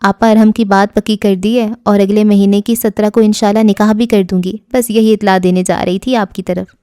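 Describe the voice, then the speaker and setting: A woman voicing an excited middle-aged mother who talks in a rush in an audio novel. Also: mid-range voice, smooth, no room sound, studio quality, lightly acted. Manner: quick, excited.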